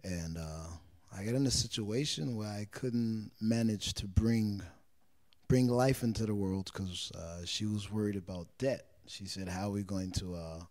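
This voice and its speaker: A man's voice: fairly low pitch, darkish tone. A man in his thirties from Israel, a street singer answering interview questions in an earnest way, often searching for words and repeating himself, recorded indoors on a handheld mic. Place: indoors, small living room on a sofa.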